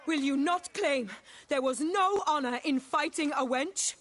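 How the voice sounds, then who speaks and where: A woman's voice: high-pitched, measured pace, fairly bright tone, a little hiss or hum. A woman voicing a proud female knight who speaks in a formal, archaic, challenging way.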